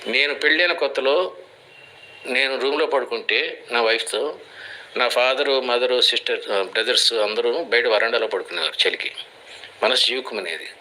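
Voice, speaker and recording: A man's voice: mid-range voice, normal speed, pauses often, pushed and bright, a little hiss or hum, rough recording. An older man giving motivational advice in an interview, teaching through everyday parables. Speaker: guest speaker, life coach.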